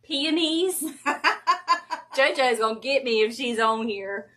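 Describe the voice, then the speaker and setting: A chatty woman with a Georgia Southern accent talks casually through a home crafting livestream. Her voice sits a little high and she gushes freely, laughing easily. It sounds like a phone mic in a craft room. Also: animated, sharp tone. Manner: chatty, gushing, quick to laugh. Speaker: wreath-making host.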